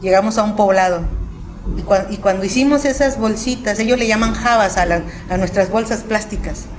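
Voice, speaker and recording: A woman with a Mexican accent giving a missionary testimony in church, telling her stories in a lively way and acting out what people said. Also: brisk, a little hiss or hum. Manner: animated storytelling, acting out quotes in a high voice. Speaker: missionary speaker.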